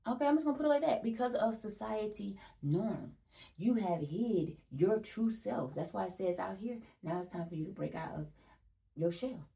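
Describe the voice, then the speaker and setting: A woman's voice: mid-range voice, expressive, normal speed, vocal fry, warm tone, recorded from a distance. A young woman gives a casual spiritual energy reading, chatty and emphatic, repeating phrases, swearing and laughing often.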